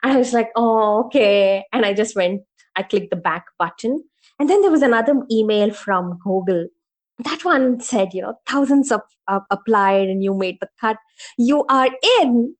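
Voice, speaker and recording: A woman co-hosting a casual podcast, telling a story in a lively way and acting out the voices she quotes. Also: on the high side, normal speed. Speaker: podcast co-host.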